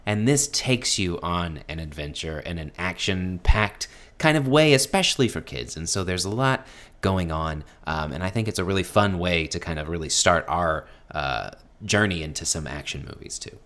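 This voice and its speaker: A man's voice: sits low, expressive, normal speed, fairly bright tone. A man co-hosting a podcast, telling personal anecdotes in casual conversation. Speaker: podcast co-host.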